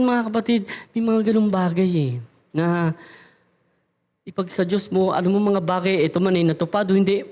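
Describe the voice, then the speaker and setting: A middle-aged man preaching a sermon in church, talking to the congregation and acting out little everyday dialogues in changing voices. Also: high voice. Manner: animated, acts out little dialogues in raised voices.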